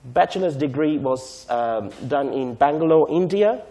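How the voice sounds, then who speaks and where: Mellow-voiced man. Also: fairly high pitch, expressive. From Sri Lanka. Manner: measured, explanatory, often checks in with "right?". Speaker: invited speaker on technology transfer. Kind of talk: lecture to a conference audience.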